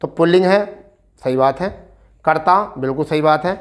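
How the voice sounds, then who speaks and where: A male teacher talking students through an exam practice set. He checks in with them often and keeps urging them on, drawn out slowly when he reads verse aloud. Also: fairly high pitch. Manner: coaxing, repeats "ठीक है" often; recites verse slowly and deliberately. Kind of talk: explaining a practice test.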